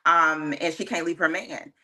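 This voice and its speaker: A woman's voice: low-pitched, steady tone, moderate pace, pushed and bright. A woman speaking as a guest in a casual discussion, earnest and opinionated, with plenty of likes and ums. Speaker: panel guest.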